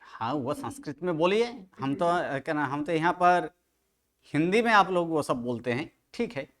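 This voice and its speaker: Expressive and a bit bright, his slightly high voice moves at a moderate pace. He's giving an online study-group lecture on Sanskrit grammar, testing students with questions and correcting their pronunciation.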